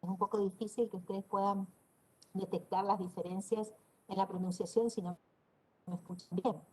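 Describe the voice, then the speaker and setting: Lecturer, female, northeastern Argentine accent, husky, mid pitch, demonstrates sounds while explaining. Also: little pitch movement, normal speed, mellow, low-quality recording. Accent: northeastern Argentine Spanish. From Corrientes, Argentina. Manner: explanatory, demonstrates pronunciations aloud. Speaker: university lecturer. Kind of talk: online class lecture.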